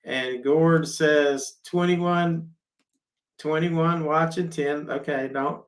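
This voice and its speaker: A man's voice: on the high side, fairly even intonation, slow pace. A man hosting a casual livestream, reading viewer comments aloud and laughing often. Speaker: livestream host.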